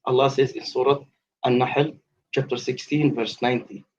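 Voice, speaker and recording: Through a lo-fi online call, a late-fifties man from the West Bank, Palestine, speaks in a mid-range, slightly rough voice with a steady tone and moderate pace. He's calling a live debate aftershow, and in the heated talk he stays insistent and formal, saying things more than once.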